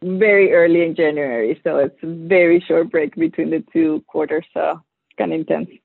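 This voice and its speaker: A woman with a gravelly voice of middle pitch talks in a relaxed, measured way as a panel guest. She comes through a tinny, phone-like line. The sound is dry, with no room echo. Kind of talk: casual conversation.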